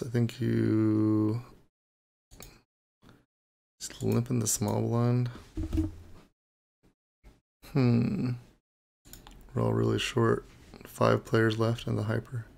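A man's voice: medium pitch, gravelly, a little mellow. A man streaming online poker, talking through his hands in a casual, profane mutter. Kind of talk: live poker commentary.

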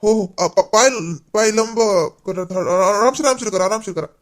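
A young man, acting in a rural comedy sketch and talking in a loud, scolding, fussing way. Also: sits high, normal speed.

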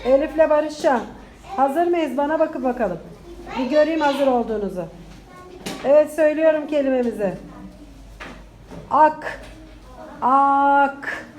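High-pitched woman teacher dictating to children. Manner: dictating single words and short phrases slowly, repeating them; instructing and encouraging children. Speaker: primary school teacher. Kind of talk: classroom dictation drill. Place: indoor classroom.

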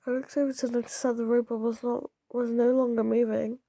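Young woman, slightly hoarse and mellow, reading a story aloud and reacting chattily between lines. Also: fairly high pitch, little pitch movement, brisk, no echo. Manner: chatty, giggly, stumbling restarts. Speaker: YouTuber reading stories.

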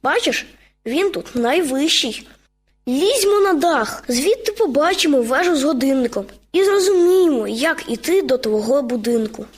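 A woman's voice: sits high, normal speed. Woman doing a grumpy-eager boy bear cub for a kids' radio story. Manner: gruff then excited.

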